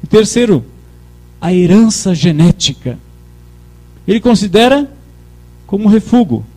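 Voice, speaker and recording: High-voiced, unhurried male preacher. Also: sing-song, a little mellow. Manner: emphatic, leads the congregation in call-and-response. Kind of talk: sermon.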